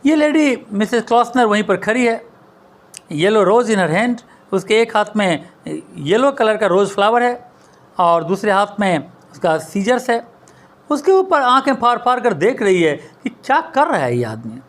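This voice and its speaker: A male teacher, lively in pitch, explains a story line by line. He reads the English lines slowly, then explains them in Hindi.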